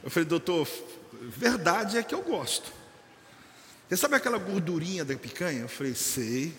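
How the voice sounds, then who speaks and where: A high-pitched, animated man preaching at a church service, swinging his voice up and down as he jokes and acts out little scenes. His tone is bright and cutting, and the sound carries a long hall reverb. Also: moderate pace, slight background noise. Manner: animated, joking, acts out church members and a doctor. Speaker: apostle and church leader. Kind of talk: lively sermon.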